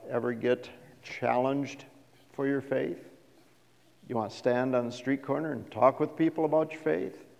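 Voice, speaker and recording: A middle-aged man preaching a sermon as a pastor, animated and asking the congregation questions. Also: medium pitch, gravelly, muffled recording. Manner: animated, acts out quoted voices, asks the congregation questions. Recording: reverberant hall.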